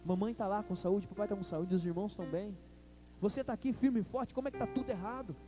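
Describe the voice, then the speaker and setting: A man's voice: high voice, quick pace, mellow, soft background music. A man with a Brazilian Portuguese accent preaching a sermon as pastor, calling out to the congregation. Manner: preaching with call-and-response to the congregation.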